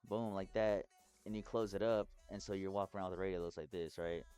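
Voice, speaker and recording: A man from Texas giving a casual, rambling explainer vlog as a hobbyist, sounding drunk, halting and swearing freely. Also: low voice, steady tone, a little mellow, smooth, soft background music. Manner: tipsy, rambling drunk talk with halting phrases and heavy swearing. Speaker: hobbyist presenter.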